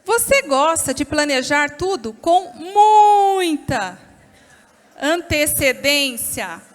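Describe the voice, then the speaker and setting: A Brazilian woman gives a talk at a church women's gathering and tells lively, expressive stories in a high voice. She speaks directly to her listeners and asks them questions. The sound carries the long reverb of a large church hall. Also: drawn-out words. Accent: Brazilian Portuguese. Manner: lively, expressive storytelling, addresses the audience directly.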